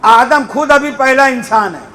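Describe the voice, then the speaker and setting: A man preaching a Muharram majlis sermon to a gathering, impassioned, at times shouting and chanting Arabic phrases in a drawn-out way. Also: extremely high pitch.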